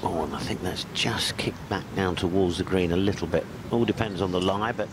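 A man's voice: deep voice, steady tone, brisk. A man giving live golf commentary as part of a broadcast team. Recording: noisy outdoor broadcast ambience.

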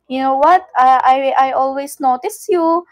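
High-voiced young woman teasing her viewers. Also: unhurried. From Philippines. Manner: playful teasing, code-switching with English, frequent laughter. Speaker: idol livestream host. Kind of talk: casual livestream chat with viewers.

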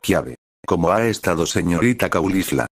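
Man voicing a polite young officer, deep, dry, faint music. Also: expressive, moderate pace, breathy edge, dry recording.

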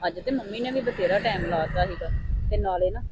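A woman's voice: medium pitch, brisk, background noise. A young woman with a Punjabi accent playing a chatty friend explaining why she is late. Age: young adult. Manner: chatty, excusing herself. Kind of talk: family drama acting.

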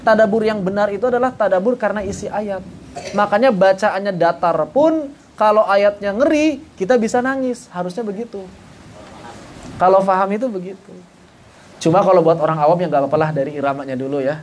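A man's voice: high voice, fairly quick, a little mellow, a little hiss or hum. A man teaching an online Quran recitation class. He poses rhetorical questions, answers them himself, and chants short passages as examples. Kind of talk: online tajwid lesson.

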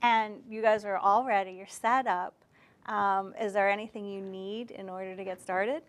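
On an indoor studio set lined with bookshelves, a talk show host from Cape Cod, Massachusetts, conducts an informal, chatty interview. Her mid-range voice is steady and moves at a normal pace.

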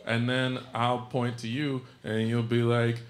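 A man's voice: mid-range voice, monotone, a little slow. A man doing a stand-up set on a comedy club stage, bantering with the crowd in a dry, sarcastic way. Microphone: stage microphone. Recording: live album, loud crowd noise. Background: audience laughter.

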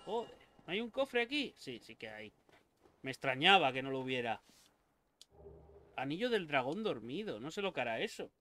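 A young man with a Spain Spanish accent giving let's play commentary, excitable and swearing a lot as he talks to the game characters. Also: fairly high pitch, moderate pace, pauses often. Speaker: gaming YouTuber.

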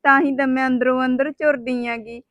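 A woman's voice: high voice, level tone, brisk, dry recording, dull audio, close to an everyday voice. A woman playing an unhappy young wife with three daughters who pours out her troubles in a plaintive, complaining manner. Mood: sorrowful. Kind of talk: web drama acting.

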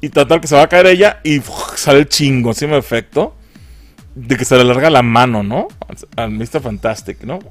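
A man's voice: mid-range voice, a bit bright, no room sound. A man with a Mexican accent giving a casual, profane film review. He mocks the movie and laughs often.

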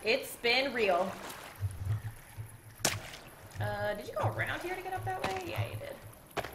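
A woman's voice: extremely high pitch, big pitch swings, brisk, echoey room, very noisy. A woman streaming a survival game with her partner, chatting casually and thanking viewers with bubbly, jumpy exclamations. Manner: bubbly, reads donations aloud, jumpy exclamations. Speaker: gaming streamer. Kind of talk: casual let's-play chat.

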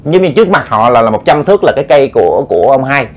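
A man's voice: mid-range voice, rapid-fire. Man telling a dramatic ghost story. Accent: Southern Vietnamese. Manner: animated, dramatic, repetitive stammering. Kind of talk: oral ghost story narration.

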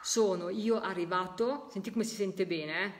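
A woman leading a live spirit-voice session, talking casually and slowly repeating the messages she hears. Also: medium pitch, very noisy. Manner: slow, drawn-out repeating of heard messages. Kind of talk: live stream commentary.

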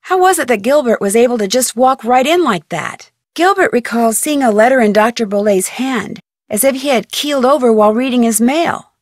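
A bright young girl voices a game protagonist, a curious, polite amateur detective asking earnest, inquisitive questions. Her fairly high, expressive voice moves a little fast, captured on a close studio mic with no echo for these recorded game dialogue lines.

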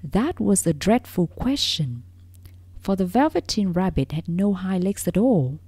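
A woman reads a soothing bedtime story in a soft, half-whispered voice, slow and unhurried. Her low-pitched narration still rises and falls with lively expression. The sound is dry and close. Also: breathy edge, no room sound.

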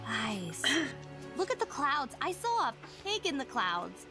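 A woman's voice: high voice, wildly swooping pitch, measured pace, loud music behind the voice, heavily acted. A woman voicing a dreamy, spacey young princess in a comedic fan dub, airy and rambling.

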